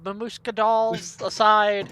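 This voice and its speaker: A woman's voice: medium pitch, little pitch movement, takes it slowly, fairly bright tone, clean tone. A woman narrating as dungeon master, chatty and loose, with frequent laughs and fillers. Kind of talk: narrating a tabletop game.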